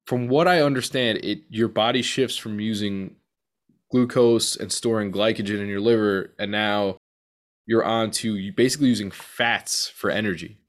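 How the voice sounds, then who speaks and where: A man with a fairly low voice hosts a podcast in casual chat. He speaks colloquially, as if to a close buddy. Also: normal speed. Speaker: podcast host.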